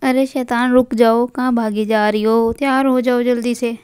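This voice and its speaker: A man's voice: very high-pitched, flat delivery, moderate pace, a little mellow, clean tone, pitched above the performer's own voice. A man voicing a young mother who scolds her playful daughter and complains to her husband in a fussy, teasing tone.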